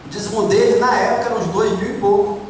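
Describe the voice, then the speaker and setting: Brazilian pastor guy preaching, really high voice, sounds far off in a big echoey church. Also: steady tone, quick pace, a little mellow, slight background noise. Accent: Brazilian Portuguese. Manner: emphatic preaching, repeats key points, questions the congregation. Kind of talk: sermon. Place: church hall.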